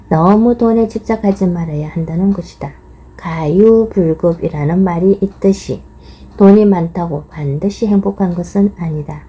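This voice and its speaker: A woman reading a nonfiction book aloud in measured, steady scripted narration. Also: medium pitch, breathy edge, poor audio. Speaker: audiobook reader.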